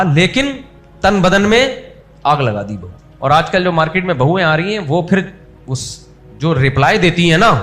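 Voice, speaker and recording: A man's voice: a little high, a bit bright. A man preaching in a conversational, humorous style, acting out scolding voices to make his points. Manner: humorous, mixes in everyday English words. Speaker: Islamic preacher. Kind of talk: conversational sermon.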